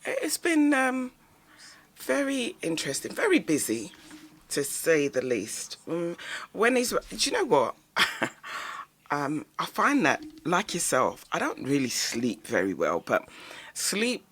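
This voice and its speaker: A woman's voice: low-pitched, wildly swooping pitch, takes it slowly, a bit bright, slightly rough. A woman hosting a radio talk show, speaking in a bubbly, lilting way with frequent fillers.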